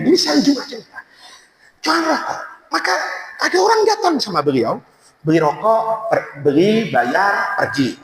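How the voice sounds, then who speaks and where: A male preacher telling a funny story in a sermon, switching between loud shouts and low asides. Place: large religious hall. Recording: echoey hall, faint noise.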